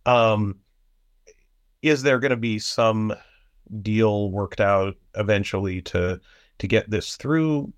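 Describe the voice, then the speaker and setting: A man analysing foreign policy in a halting way, with many fillers and restarts. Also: lowish voice, no room sound. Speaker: panel guest analyst. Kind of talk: policy discussion.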